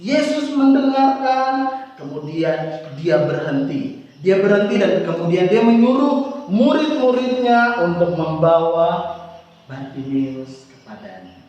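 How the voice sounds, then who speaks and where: A man's voice: sits high, big pitch swings, slow pace, darkish tone. A man telling a Bible story to children at a Sunday service, asking them questions as he goes. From Indonesia. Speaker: Sunday school teacher. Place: church hall. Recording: echoey hall from far off.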